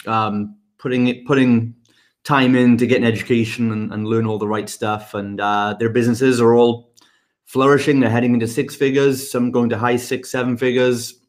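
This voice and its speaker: A middle-aged man from the UK speaks with quick, energetic enthusiasm at a middle pitch. He answers the questions of a podcast interview briskly and sounds fired up about his work. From United Kingdom. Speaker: guest, fitness business mentor.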